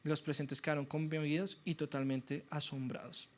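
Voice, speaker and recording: A young man preaching a sermon, animated and acting out the voices of doubters. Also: fairly high pitch, normal speed. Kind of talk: sermon teaching.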